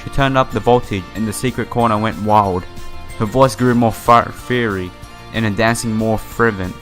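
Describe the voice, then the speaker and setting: A let's player with a fairly low, steady, slightly bright voice reads a visual novel's text aloud at normal speed, adding casual commentary and stumbling over some words. Game music plays behind his voice.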